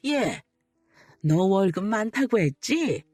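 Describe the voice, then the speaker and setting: A woman voicing a domineering middle-aged mother-in-law who sneers and scolds slowly, in a radio story reading. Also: mid-range voice, big pitch swings, a little mellow, no room sound, studio quality, soft background music. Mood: scornful.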